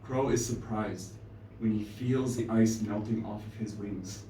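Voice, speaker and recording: Male storyteller at a live venue; unhurried, dramatic pauses, echoey room, far from the mic. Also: fairly low pitch, fairly even intonation, mellow, a little hiss or hum. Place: small live venue stage. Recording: roomy live stage, distant mic.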